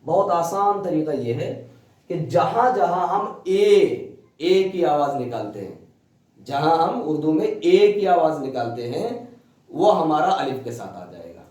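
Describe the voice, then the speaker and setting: Slow-spoken male teacher in echoey room. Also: on the high side, sing-song, a little mellow. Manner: slow, explains step by step and quizzes students. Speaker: tajweed teacher. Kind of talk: classroom teaching. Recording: echoey room, distant mic.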